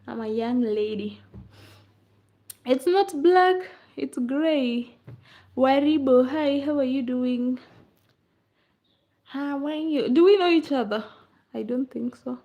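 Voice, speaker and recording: A woman's voice: sits high, slow pace, long pauses, warm tone. A woman chatting casually on a livestream, answering comments in a playful, teasing way and laughing often. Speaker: livestream host. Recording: dull lo-fi livestream audio.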